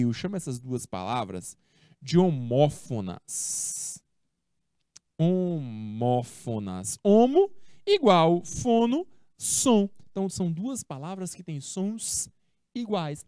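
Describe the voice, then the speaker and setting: Lively Brazilian woman teaching English. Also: mid-range voice, no room sound, studio quality. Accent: Brazilian Portuguese. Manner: asks herself pupils' questions and answers them, lively and chatty. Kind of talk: classroom explanation of a text.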